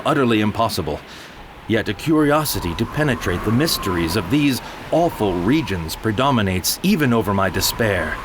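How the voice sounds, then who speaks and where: In a mid-range voice against a noisy background, a man voices a first-person audio drama. His grave, theatrical narration builds to frantic cries, and music runs beneath him throughout.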